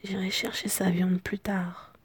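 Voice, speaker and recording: A woman voicing a tired male hunter making excuses in an ASMR role-play, with a cracked, husky voice. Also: mid-range voice, flat delivery, unhurried, dry recording. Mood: weary.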